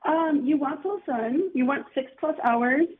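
A woman's voice: high voice, a little slow. A woman, a gardening guest talking casually and enthusiastically, lots of "like" in her speech. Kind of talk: casual radio call-in chat. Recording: tinny phone line.

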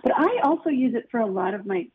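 A woman's voice: a little high, lively intonation, quick pace, crowd noise. A woman, a gardening guest talking casually and enthusiastically, lots of "like" in her speech. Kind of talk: casual radio call-in chat. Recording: tinny phone line.

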